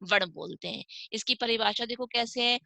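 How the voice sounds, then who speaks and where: A woman's voice: fairly high pitch, normal speed, vocal fry, bright, forceful tone, dry recording. A woman teaching a primary school class online. She asks questions and answers them herself, and stretches out each sound as she drills pronunciation.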